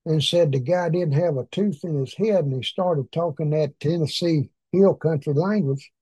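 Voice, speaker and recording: Male preacher, Arkansas drawl, folksy and joking, husky mellow voice, fairly high for a man, dry sound. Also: moderate pace, dry recording. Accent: Arkansas Southern US. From Arkansas, southern United States. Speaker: preacher leading a prayer meeting. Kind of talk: folksy informal talk to a congregation.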